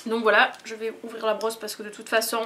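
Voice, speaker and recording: A woman's voice: on the high side, level tone, fast, sharp tone, a little hiss or hum. A young woman chatting enthusiastically in a casual haul vlog, gushing as she shows what she bought. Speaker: beauty vlogger.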